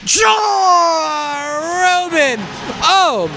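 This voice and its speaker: A man doing excited hockey commentary, shouting long drawn-out goal yells. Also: very high voice. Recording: noisy echoey rink, distant mic, music.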